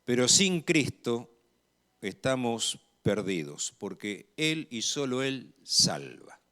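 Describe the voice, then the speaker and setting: Very animated and medium in pitch, an Argentine-accented preacher delivers his sermon with measured emphasis. Key phrases come out noticeably louder.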